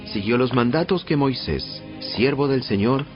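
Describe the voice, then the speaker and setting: A man narrating a dramatized audio Bible in a measured storytelling delivery. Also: medium pitch, animated. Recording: muffled band-limited audio. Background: prominent background music.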